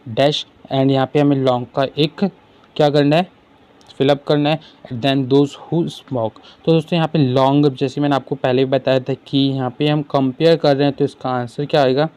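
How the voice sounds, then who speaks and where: A man tutoring for an exam, who asks questions and answers them himself and reads English sentences slowly. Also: mid-range voice, flat delivery, darkish tone, clear, resonant tone. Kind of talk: explaining exam questions in Hindi with English terms.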